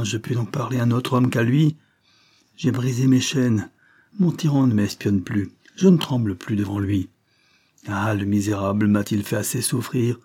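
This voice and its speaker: A defiant young woman prisoner bursts out in heated, emphatic lines, as a male audiobook reader puts her on. The voice is pitched up and loud in her anger, while keeping the reader's mellow, slightly husky tone. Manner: emphatic, impassioned outbursts.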